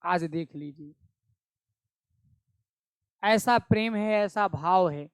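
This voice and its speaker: Male Hindi teacher, slow and emphatic, smooth clear voice, dry close sound. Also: high-pitched, no room sound. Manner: slow, emphatic explaining with rhetorical questions. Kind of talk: classroom poetry explanation.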